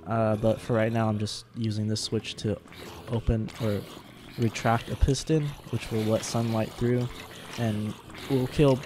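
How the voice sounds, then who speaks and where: A young man giving halting, casual gameplay commentary, sounding sick with a sore throat and swollen tonsils. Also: lowish voice, flat delivery, background noise. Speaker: gaming video host.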